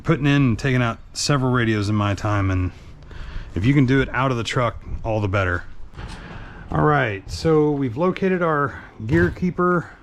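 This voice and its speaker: A man with a medium-pitched voice gives a casual, hands-on tutorial, thinking aloud in a plainspoken way as he works. He's a host and truck driver demonstrating an installation, and there's slight background noise.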